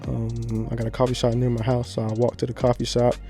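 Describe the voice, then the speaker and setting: A man's voice: mid-range voice, monotone, quick pace, mellow, faint music behind. A man from Florida, a podcast guest telling stories in a laid-back, slangy, rambling way. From Pensacola, Florida. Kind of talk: casual podcast chat.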